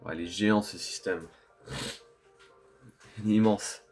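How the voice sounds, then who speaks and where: A man's voice: on the low side, steady tone, unhurried, darkish tone, faint music behind. A man giving casual gameplay commentary, thinking aloud in colloquial language as he plays. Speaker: video game streamer.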